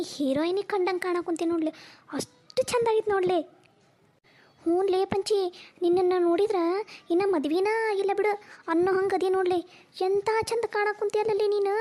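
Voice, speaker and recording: A woman voicing cartoon characters, chatty and lively, with a North Karnataka accent. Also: very high voice. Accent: North Karnataka Kannada. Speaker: voice actor for a cartoon. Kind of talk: cartoon dialogue, many characters.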